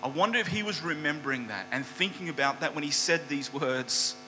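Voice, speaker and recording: A man preaching a sermon, retelling a Bible story in a lively storytelling manner. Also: on the high side, brisk. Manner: storytelling, animated retelling with quoted voices. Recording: hall reverb with faint mains hum.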